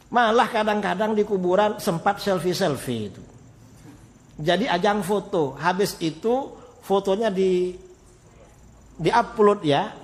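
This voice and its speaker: Argumentative preacher man in a reverberant hall. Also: sits high. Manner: rhetorical questions, lively and argumentative. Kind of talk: religious lecture.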